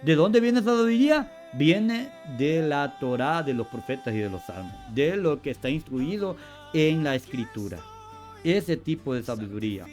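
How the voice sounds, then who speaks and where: A man with a fairly high voice teaches from scripture, moving slowly through the meanings of words. He lists each sense one after another, repeats himself and stops to correct his slips. Soft music plays faintly behind him. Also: very animated. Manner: spells out word meanings in lists. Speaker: Bible teacher.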